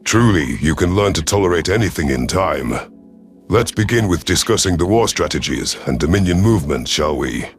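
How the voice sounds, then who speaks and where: In an audio drama backed by music, a low, animated male voice brings to life a shrewd, stern alien predator rebel leader. This military chief tells his own story through narration and dialogue, sounding formal, measured, commanding and authoritative.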